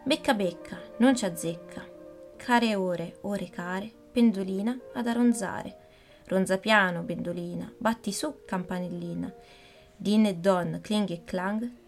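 A woman voicing an odd, teasing old godfather who chants a croaky, flat rhyme in a storybook reading. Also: medium pitch. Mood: eerie chant.

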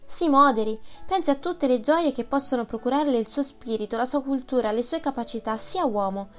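A woman reading the part of an earnest young woman who pleads gently but firmly. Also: sits high, a little fast, soft background music, voice pushed up, lightly acted. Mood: pleading.

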